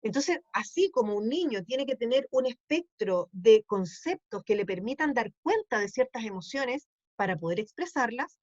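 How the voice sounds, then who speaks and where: A woman's voice: fairly high pitch, sing-song, normal speed, hardly any pauses, dry recording, lo-fi sound. A woman teaching a class, explaining patiently and checking in often with questions. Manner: explanatory, asks ¿sí? to check understanding.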